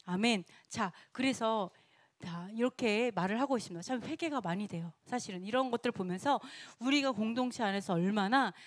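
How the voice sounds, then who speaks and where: A woman teaching a casual sermon in a lively way. She laughs often and acts out quoted speech. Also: medium pitch, dry recording. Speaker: Bible teacher.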